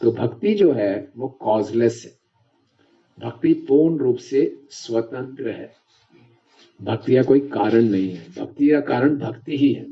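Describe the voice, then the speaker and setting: A man's voice: medium pitch, unhurried. A man giving a devotional lecture, chatty and often checking that the audience follows. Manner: conversational, checks understanding with the audience. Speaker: preacher. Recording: dull lo-fi lecture recording.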